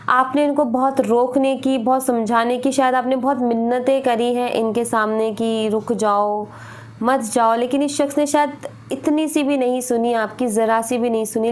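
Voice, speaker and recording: A woman giving a tarot reading, earnest and repetitive, often slipping in "you know". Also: a little high. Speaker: tarot reader.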